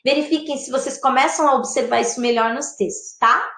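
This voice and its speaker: Woman teacher for an online class, bright and high-pitched, chatty and warm with students, recorded in an echoey room. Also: a little fast, creaky. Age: adult past adolescence. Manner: expressive, acts out the example words with lively swings of pitch.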